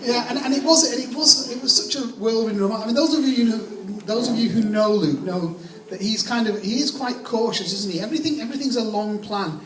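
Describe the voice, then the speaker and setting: A man giving a jokey, informal best man's wedding toast, speaking haltingly with many false starts. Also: very high-pitched, a bit bright. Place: echoey room at a wedding gathering. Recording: distant mic in echoey room, audience noise. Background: crowd of guests reacting and laughing.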